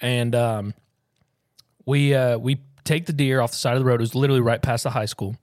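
A man's voice: medium pitch, fairly even intonation, fairly quick, darkish tone, no echo, clean studio sound. A young man hosting a podcast, telling a story in easygoing casual chat and laughing along the way. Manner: storytelling, laughs through his own tale. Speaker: podcast host.

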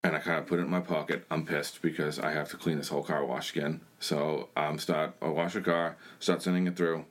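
A man's voice: extremely low pitch, little pitch movement, brisk, hardly any pauses. A young man giving a blunt, plain-spoken personal testimony in a conversation. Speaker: church member sharing his testimony.

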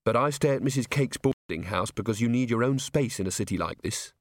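A man's voice: mid-range voice, expressive, brisk, dry recording, close to an everyday voice. A man voicing a frank, dry-witted young policewoman in a lightly raised, matter-of-fact voice. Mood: wry, frank.

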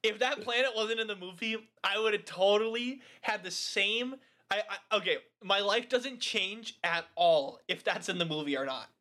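A man co-hosting a podcast, reviewing a movie in casual chat, animated and swearing a lot with frequent laughs. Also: high-pitched, normal speed. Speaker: podcast co-host.

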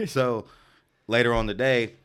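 A man's voice: medium pitch, lively intonation, takes it slowly, a bit bright, clear, resonant tone. A man co-hosting a comedy podcast, talking in a laid-back way and laughing. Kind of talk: casual chat.

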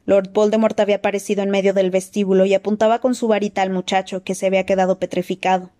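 A woman reading a fantasy novel aloud as interpretive audiobook narration. She tells the action with expressive, dramatic delivery. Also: mid-range voice, quick pace. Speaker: audiobook reader.

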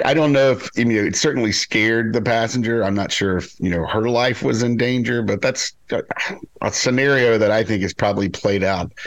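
A male podcast co-host with a low, deep voice. He talks things through in a hesitant, questioning way, restarting his sentences as he works out his ideas. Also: rough recording. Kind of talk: casual panel chat.

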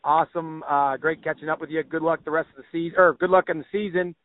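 Man, podcast host, fairly high voice, upbeat slangy chat, tinny dry audio. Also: fairly even intonation, fast talker, no echo. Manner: upbeat, slangy, lots of "like" and "dude". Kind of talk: casual podcast interview.

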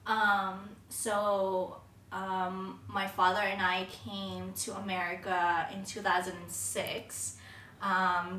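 A woman's voice: medium pitch, a bit bright, far from the mic, slight background noise. A woman in her twenties from the Philippines, a podcast guest talking unhurriedly with many "um"s. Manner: unhurried, many "um"s, frequent laughter. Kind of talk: casual interview chat. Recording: echoey room, from the mic.

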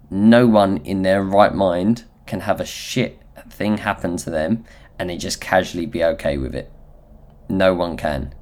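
Low-pitched nasal Essex man. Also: a little mellow. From Essex, England. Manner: candid, self-deprecating, sweary. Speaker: podcast host. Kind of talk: solo motivational podcast talk, informal.

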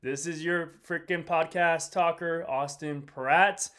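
A man's voice: fairly high pitch, steady tone, takes it slowly, fairly bright tone. A man who is sick and drained, hosting a casual motivational fitness podcast with slangy, repetitive, rambling direct address. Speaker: podcast host, fitness coach. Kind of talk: casual motivational podcast talk to a live audience.

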